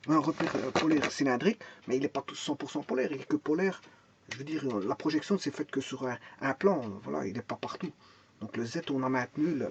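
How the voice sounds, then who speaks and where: This math and physics teacher has a medium-pitched voice, captured on a muffled recording with a little background noise. Working through the material step by step, he thinks out loud, keeps restarting and repeating himself, and poses questions that he then answers.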